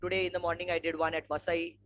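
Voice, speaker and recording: Fast and monotone, his fairly high, fairly bright voice comes through a muffled recording. He's a trek leader and environmental educator with a posh, educated Indian English accent, speaking at a webinar with an informal slide talk full of discursive anecdotes. The online webinar microphone picks up plainly noisy audio with hum.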